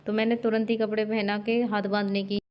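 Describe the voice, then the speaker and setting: A woman's voice: medium pitch, flat delivery, brisk, highs cut off. A young woman vlogging at home, earnestly explaining step by step as she cares for her husband. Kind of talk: casual explanation to camera. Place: home room. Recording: echoey room, faint background noise.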